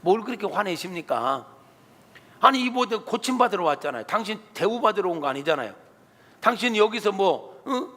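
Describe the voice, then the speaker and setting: A man voicing a male servant who reasons with and calms his angry master. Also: sits high, fairly quick, heavily acted. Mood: pleading. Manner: pleading, reasoning. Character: male servant calmly scolding an angry general. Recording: reverberant church hall.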